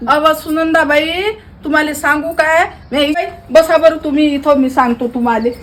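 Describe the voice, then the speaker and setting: A woman, performing a village comedy sketch in a loud, quarrelsome way that turns pleading. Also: high voice, steady tone, normal speed.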